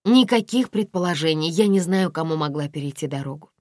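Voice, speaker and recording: A woman reading an audiobook, voicing a guarded young heroine who speaks quietly and in short replies. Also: deep voice, normal speed, breathy edge, no room sound, clean studio sound. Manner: quiet, clipped. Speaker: audiobook reader.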